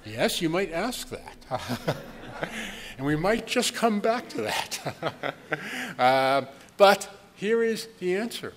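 A man's voice: high voice, very animated, slow pace. Older male keynote speaker, chatty and wry, at a podium mic in a big echoing hall. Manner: conversational, chuckling asides, frequent ums. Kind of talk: conference keynote lecture. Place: large conference hall with audience. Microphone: podium microphone. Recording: long hall reverb, faint room noise.

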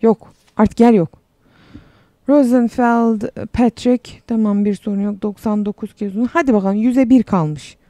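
A woman's voice: fairly high pitch, a little slow, dark tone, dry recording. A young woman casually commenting on a game while she plays, chatty and sarcastic, reading the game text aloud as she goes. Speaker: game streamer.

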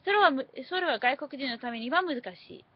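A woman's voice: sits high, expressive, fairly quick. A woman from Britain, a native English speaker, talking in careful, hesitant learner's Japanese with many fillers. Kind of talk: casual chat. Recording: dull lo-fi home recording.

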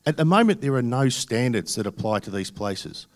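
A middle-aged candidate with an Australian accent responds to audience questions at a forum held in a theatre, keeping his handheld microphone close. His ordinary mid-level pitch has a sing-song lilt at a moderate pace, and he hammers his points home through earnest repetition.

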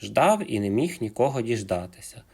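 Husky man telling a fairy tale. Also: medium pitch, normal speed. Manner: expressive, storytelling. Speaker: storyteller. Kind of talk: scripted fairy-tale narration.

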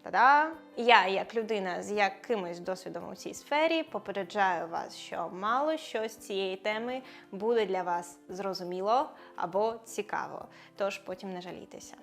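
A young woman presents a scripted video grammar lesson with a teasing, ironic edge, walking through each rule step by step. Her voice sits at an ordinary middle pitch for a woman, with soft music playing faintly underneath. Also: moderate pace. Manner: playful, ironic, explains step by step. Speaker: language teacher.

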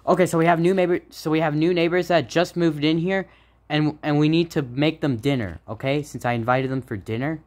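A man voicing a goofy, excitable, suspicious suburban dad in an amateur sock puppet comedy. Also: fairly high pitch, a little fast, natural voice. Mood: flustered.

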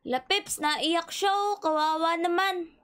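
A woman's voice: very high voice, slow pace. A woman, cheerfully commenting while playing a game with friends. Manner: excitable, cheery, giggly. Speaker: gaming channel host.

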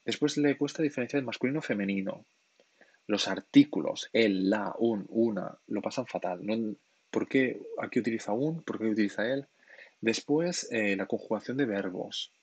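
Native in Spanish and Catalan, this Korean teacher speaks in a husky, low-side voice at a moderate pace with no echo. On his live-stream lesson he answers chat questions patiently, explaining things and repeatedly asking "¿sí?".

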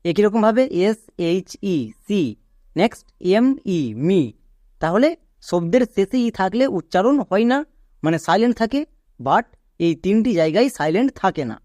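Online lesson teacher, patient, repeats rules, spells letters out, middle pitch, dry close-mic sound. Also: lively intonation, normal speed, warm tone, no echo. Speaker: English pronunciation teacher.

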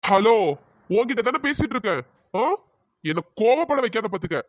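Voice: mid-range voice, animated, moderate pace, no room sound, close to an everyday voice. A voice performer playing a brash young man who boasts and pushes a girl for her phone number, with a bossy manner. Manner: bossy and threatening, then pleading. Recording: dull lo-fi voice track.

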